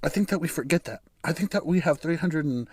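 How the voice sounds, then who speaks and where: An American man hosts a solo podcast, his voice raspy and hoarse from bronchitis as he rambles through his opinions, chuckling and often starting over. His pitch sits a little high, his intonation is lively, and he talks fast with no echo.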